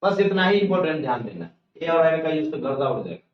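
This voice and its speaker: Folksy teacher in an echoey classroom. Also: male voice, fairly high pitch, very animated, fast. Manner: explains step by step, asks questions and answers them himself; folksy, colloquial teaching style. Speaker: English grammar teacher. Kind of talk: classroom lecture. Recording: echoey, distant, dull lo-fi classroom recording.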